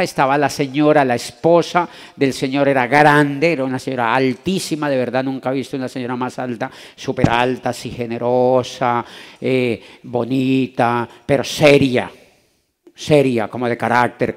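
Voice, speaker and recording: A man from Latin America telling an animated personal story to a convention audience, acting out the voices in it. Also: medium pitch. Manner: animated, acts out voices in his anecdotes. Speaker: motivational speaker. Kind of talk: storytelling talk to a live audience. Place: convention hall.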